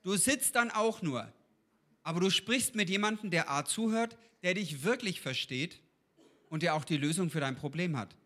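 A man with a high, bright and forceful voice preaches in a relaxed, conversational way. He talks to his listeners directly and asks them questions as he goes. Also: normal speed. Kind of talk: informal sermon.

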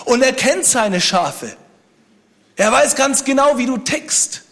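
A man's voice: extremely high pitch, animated, slow pace, vocal fry, bright, forceful tone. A man preaching a sermon, speaking conversationally and joking with the congregation. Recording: long hall reverb.

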